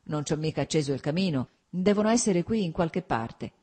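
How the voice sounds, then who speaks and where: A woman's voice: deep voice, expressive, brisk, warm tone. A woman voicing a scruffy, hungover young officer who jokes and teases in a mock-solemn way. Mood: playful teasing.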